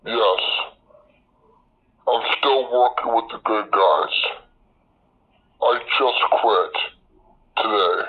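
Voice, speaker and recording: Man in a disguised deep voice over a phone. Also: drawn-out words, pauses often. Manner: hesitant, repeats words. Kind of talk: casual phone call. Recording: tinny phone line.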